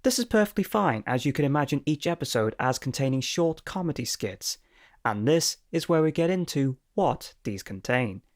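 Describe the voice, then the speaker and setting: Male reviewer, mid-pitched, dry and wry, reads a scripted show review. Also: very animated, moderate pace. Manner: dry, lightly sarcastic delivery. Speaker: anime reviewer.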